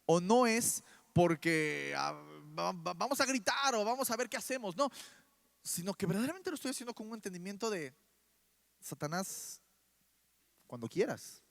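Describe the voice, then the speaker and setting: A man with a Mexican Spanish accent preaching a sermon in church, animated and full of rhetorical questions. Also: high voice, a little fast, gravelly.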